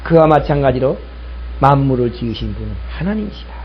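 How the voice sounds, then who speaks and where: A man's voice: mid-range voice, big pitch swings, a little fast, lo-fi sound, a little hiss or hum. A male pastor preaching a sermon, telling a story and acting out both sides of an argument, repeating key lines for emphasis.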